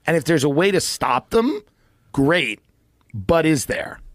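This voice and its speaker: Speaking in a fairly high, sing-song, unhurried voice, this American guest in his thirties jokes around sardonically on a podcast. He's in an indoor studio, wearing headphones and using a close dynamic microphone mounted on an arm. The sound is clean with no echo.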